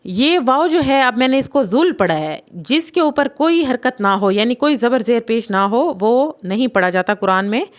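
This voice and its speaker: Her voice a little high and animated, a young woman gives a slow recitation lesson on reading the Quran. Syllable by syllable, she pronounces every letter and vowel mark before walking through the rules.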